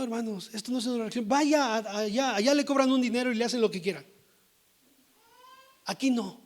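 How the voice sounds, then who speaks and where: A man delivers a sermon in a notably high voice. He keeps checking in with his listeners and swings from emphatic, pressing lines to hushed, intimate asides. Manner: keeps asking the congregation "¿sí?" for agreement. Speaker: preacher.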